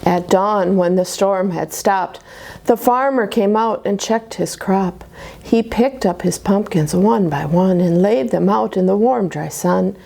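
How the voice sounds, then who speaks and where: A woman with a creaky, mid-range voice reads a rhyming children's picture book at church story time at a measured pace. She reads expressively, now and then dropping to dramatic whispers.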